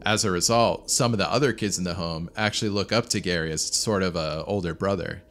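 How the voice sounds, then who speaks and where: A man reading a scripted true-story narration in a measured, serious way. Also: deep voice, fairly bright tone. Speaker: channel narrator. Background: faint background music.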